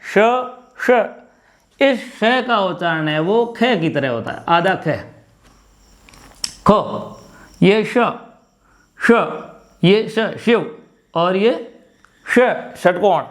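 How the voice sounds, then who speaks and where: A male teacher with a Rajasthani Hindi accent giving a classroom lecture, explaining step by step and repeating sounds slowly for pronunciation. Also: sits high, animated, a bit bright.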